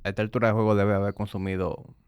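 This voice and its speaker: A man hosting a podcast, asking casual questions in a halting way with restarts. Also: lowish voice, flat delivery, darkish tone, clean tone, dry recording. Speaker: podcast host.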